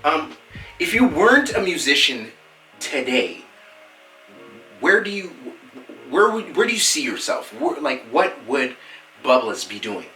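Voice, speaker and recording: A man doing an earnest, prim interviewer who trips over his own words. His bright voice leaps around in pitch. He sounds distant and roomy, picked up from off the mic, with faint music underneath. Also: very animated, unhurried, pauses often, exaggerated voice. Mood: brisk. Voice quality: stammering, prim. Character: prim earnest male interviewer, flustered and stammering. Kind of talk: comedy sketch.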